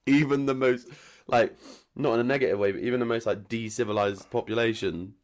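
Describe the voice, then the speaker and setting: A man's voice: mid-range voice, steady tone, fairly quick. A young man with a southern English accent chatting casually as a podcast co-host, slangy, sweary and jokey. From Wiltshire, England. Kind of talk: casual banter.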